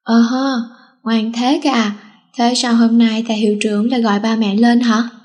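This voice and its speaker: Woman reader as a wry stern dad, higher voice, audiobook. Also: level tone, moderate pace, darkish tone, lightly acted. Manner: mock-sweet then stern. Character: stern, wry middle-aged father.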